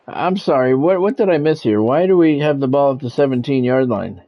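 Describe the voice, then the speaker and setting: Here the American streamer has a mid-range, warm voice with lively intonation, moving briskly as he trades casual, blunt chatter with game commentary. The sound is dull and lo-fi, backed by music.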